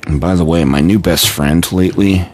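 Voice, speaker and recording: Very deep-voiced man chatting tiredly. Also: moderate pace, soft background music. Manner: relaxed and rambling, with many fillers and restarts. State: tired and yawning. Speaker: Instagram live streamer. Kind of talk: casual live-stream chat.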